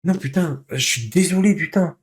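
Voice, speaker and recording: A male streamer in loose, casual live chat. He vents in an exasperated way and swears freely, with a voice pitched a little higher than most men's. He reacts to viewer comments and slips into bursts of nervous laughter. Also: moderate pace. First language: French. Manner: exasperated venting, heavy swearing.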